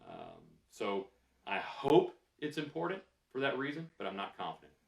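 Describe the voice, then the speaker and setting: A man taking questions after a lecture, speaking in a candid, conversational way and pausing on fillers as he works through his thoughts. His voice sits at an ordinary pitch. It sounds roomy and a little distant from the mic. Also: very animated, vocal fry. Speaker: scientist answering audience questions.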